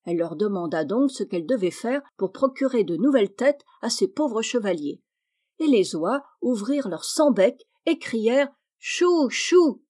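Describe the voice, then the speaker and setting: Woman, audiobook reader, mellow tone, expressive storybook narration. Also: mid-range voice, moderate pace. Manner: expressive, lifts her voice for characters.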